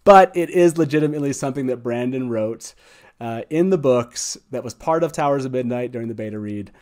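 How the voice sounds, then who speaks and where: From a small wood-panelled studio, a man in his forties hosts a relaxed livestream chat, brimming with enthusiasm and effusive. He talks briskly in a mid-range, darkish voice into a close boom-arm studio mic.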